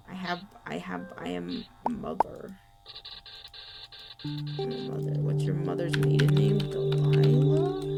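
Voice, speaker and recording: A young woman streaming a game from home, chatting casually, muttering and reading on-screen text aloud with quick reactions. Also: lowish voice, vocal fry. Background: background music and keyboard typing.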